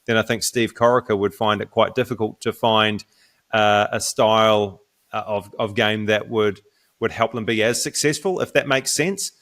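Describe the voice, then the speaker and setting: A man, co-hosting a casual sports podcast, talking in halting runs with frequent restarts. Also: fairly low pitch, steady tone, fairly bright tone. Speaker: podcast co-host.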